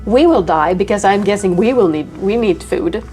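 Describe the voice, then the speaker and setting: A woman's voice: mid-range voice, expressive, moderate pace, warm tone. A woman giving casual let's play commentary as she plays and reacts to a game. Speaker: gamer playing and reacting. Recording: game music behind the voice.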